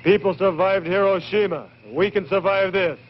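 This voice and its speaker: A man's voice: high voice, steady tone, moderate pace, slight background noise, close to an everyday voice. An actor playing a stern, domineering man, curt and commanding, in a muffled 1960s B-movie. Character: stern, domineering man forcibly keeping order. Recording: muffled old film soundtrack.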